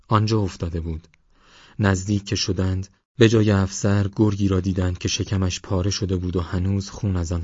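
Deep husky male audiobook narrator. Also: no echo, muffled recording. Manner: calm, measured reading. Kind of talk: scripted narration.

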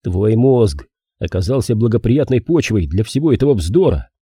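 A man voicing a gruff, blunt detective in his thirties in an audiobook. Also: on the low side, sing-song, normal speed, dark tone, dry recording, clean studio sound. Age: 30s.

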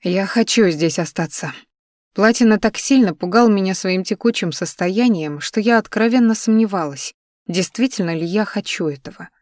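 A woman narrating a first-person story in an even, measured audiobook reading. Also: mid-range voice, no room sound, studio quality.

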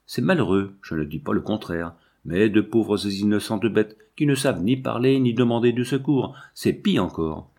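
A man's voice: fairly low pitch, lively intonation, moderate pace, hardly any pauses, darkish tone. A man reading aloud and voicing a blunt, outspoken old farm servant woman who scolds. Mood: indignant. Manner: brusque, scolding.

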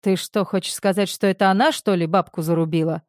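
A man's voice: high-pitched, steady tone, fast talker, no room sound, studio quality, lightly acted. A woman voicing a blunt, simple-minded young man who talks in offhand slang. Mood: casual.

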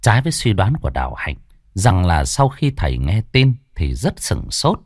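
A man's voice: deep voice, sing-song, normal speed, no room sound, studio quality. Dramatic male ghost-story narrator, wide-ranging. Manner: suspenseful, vivid storytelling cadence.

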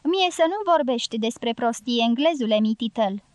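A bossy, forceful matriarch from an audiobook, as a woman narrator puts her on. She snaps short scolding retorts in a high voice. The sound is close and dry. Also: expressive, no echo, close to an everyday voice. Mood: gruff.

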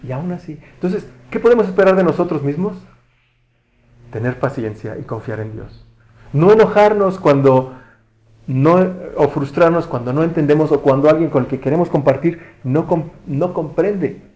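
A man preaching a relaxed, conversational sermon, often correcting himself and asking the congregation questions. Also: a little high, normal speed, low-quality recording. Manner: relaxed, self-correcting, asks the audience questions.

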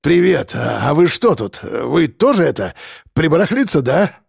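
A man's voice: a little high, sing-song, normal speed, gravelly, darkish tone, breathy edge, dry recording, clean studio sound, exaggerated voice. Man doing a whining shifty petty thief. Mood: whiny pleading. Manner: whining, pleading. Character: shifty middle-aged petty thief, whiny.

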